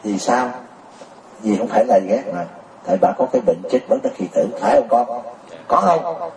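Male preacher, relaxed warm tone, teasing questions, roomy recording with faint background noise. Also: medium pitch, moderate pace. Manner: keeps pressing the crowd with rhetorical questions, often laughing. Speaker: Buddhist teacher. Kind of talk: sermon to a congregation. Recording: roomy, distant mic.

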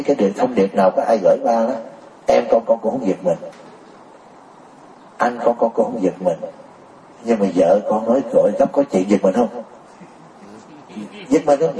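Male preacher, relaxed warm tone, teasing questions, roomy recording with faint background noise. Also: medium pitch. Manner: keeps pressing the crowd with rhetorical questions, often laughing. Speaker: Buddhist teacher. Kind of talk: sermon to a congregation. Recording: roomy, distant mic.

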